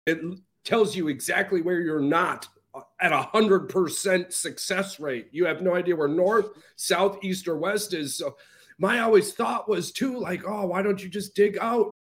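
A man's voice: high voice, unhurried, a bit bright. A man co-hosting a podcast, reacting in casual chat with swearing and amazement. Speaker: podcast co-host.

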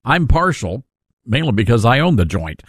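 A man's voice: mid-range voice, very animated, moderate pace, slightly rough, no room sound, clean studio sound. A male talk radio host giving folksy, conversational live commentary. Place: dry radio studio.

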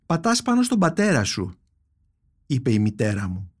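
A man hosting a book podcast, reading a poem in a calm, measured voice before moving on to recommendations. His pitch sits in an ordinary middle range, and he talks with reflective pauses and soft fillers. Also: slightly rough. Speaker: podcast host, book critic.

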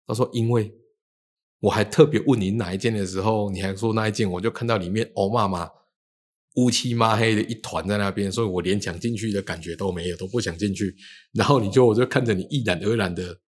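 A man tells his stories at a rapid clip in a low-set voice. He slips into the voices of the people he quotes as he goes. It is relaxed, chatty storytelling. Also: breathy edge. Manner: animated, acts out quoted dialogue. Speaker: feng shui teacher. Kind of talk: casual storytelling chat.

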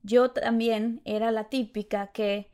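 Lively Mexican woman telling stories. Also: on the high side, takes it slowly. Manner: animated storyteller, lively and self-reflective. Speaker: actress sharing her experience. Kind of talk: casual conversation.

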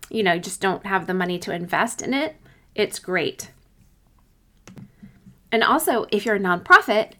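A woman speaks as a podcast host and coach in a conversational solo style. She gives advice informally, with an encouraging manner. Her voice sits at an average pitch for a woman. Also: pushed and bright.

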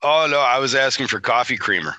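A man's voice: medium pitch, lively intonation, a little fast, sharp tone, dry recording. A man with a Michigan Great Lakes accent chatting casually as an interview host, in a rambling, self-deprecating way. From Michigan, United States. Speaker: podcast host interviewing a guest.

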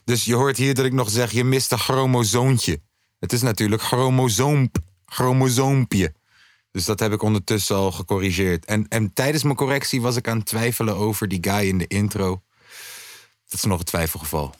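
A man's voice: fairly low pitch, fairly quick, dry recording, studio quality. Slangy man chatting casually. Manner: slangy, drops English words. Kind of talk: casual chat.

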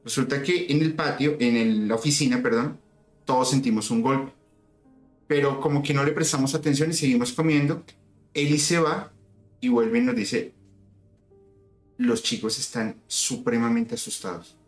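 A man's voice: medium pitch, moderate pace. A man telling a story in casual conversation, recounting events in detail and acting out the dialogue. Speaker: guest. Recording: echoey room with soft music.

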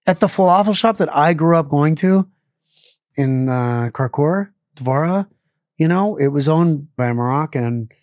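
Animated yet a little slow, a middle-aged chef talks casually in an interview, his slightly high, darkish voice circling back with fillers, restarts and self-corrections. He's Israeli-born and Pittsburgh-raised, recorded in clean studio sound with no room noise.

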